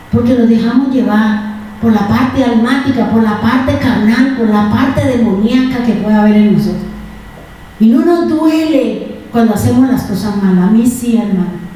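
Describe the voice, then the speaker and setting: Woman preacher, high mellow voice, impassioned pleading sermon, recorded far off in a very echoey church hall. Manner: emotional, pleading, rhetorical questions to the congregation.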